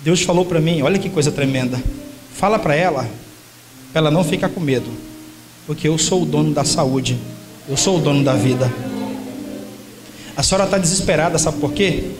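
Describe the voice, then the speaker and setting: High-voiced preacher giving urgent commands. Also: male voice, normal speed, long pauses, rough recording. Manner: urgent, commanding, directing people about. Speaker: preacher with prophetic ministry. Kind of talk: charismatic church ministry. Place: church service. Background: music playing.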